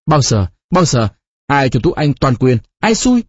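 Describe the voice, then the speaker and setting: A husky-voiced man playing a jealous young lover who shouts and bites off each word in an audiobook. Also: mid-range voice, big pitch swings, a little slow, dry recording, highs cut off. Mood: accusing. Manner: shouting, spitting each word, teeth gritted. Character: young man, jealous and furious, then despairing.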